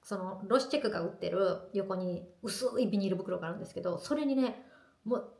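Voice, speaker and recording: A woman talks casually to her camera, her storytelling lively and chatty. Her voice has a slightly gravelly texture at a mid pitch. The room around her is echoey. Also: a little fast. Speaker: vlogger.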